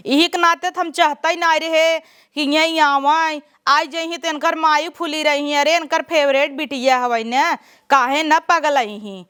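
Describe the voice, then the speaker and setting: A woman's voice: sits high, fairly bright tone. A woman with an Awadhi accent playing a jealous sister-in-law who grumbles sarcastically in a comedy sketch.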